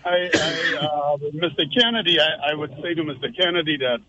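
A man's voice: fairly high pitch, normal speed, sharp tone, muffled recording, slight background noise. A man, calling a radio show and making his points earnestly, with frequent repeats and tag questions like "all right?". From Turks and Caicos Islands. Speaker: radio caller. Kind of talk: call-in opinion.

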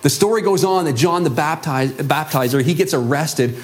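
A man preaching a sermon as a pastor, telling a Bible story in an animated way and acting out the voices of the people in it. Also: fairly high pitch, normal speed. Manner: animated, acts out quoted voices.

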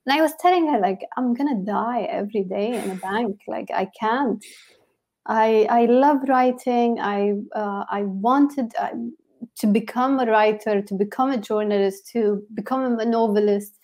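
A woman from Yemen, a blogger and journalist, telling her story in an animated interview with many restarts. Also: a little high, moderate pace. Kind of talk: conversational interview.

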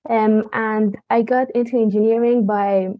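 A woman's voice: on the high side, fairly even intonation, measured pace, dry recording, phone-quality sound. A young woman from Afghanistan, a student engineer, answering earnestly in second-language English. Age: young adult. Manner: earnest, non-native grammar. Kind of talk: interview answers.

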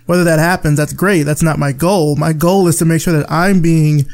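Male podcast guest from rural Alabama, frank and reflective, higher voice. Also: steady tone, moderate pace, a little mellow. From rural Alabama, USA. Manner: candid, thoughtful, frequent restarts. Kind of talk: casual conversation.

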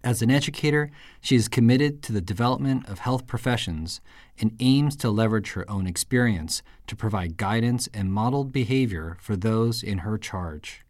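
Recorded dry and at studio quality, a podcast host born in Japan speaks with a lowish, darkish voice. After reading a scripted intro, he moves into interview questions, hesitating now and then.

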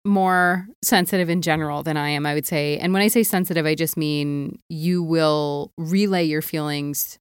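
A woman co-hosting a podcast, chatting casually in an animated, joking way. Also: deep voice, normal speed, few pauses, clear, resonant tone, no room sound, studio quality. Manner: animated, swears, laughs often. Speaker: podcast co-host. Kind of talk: casual chat.

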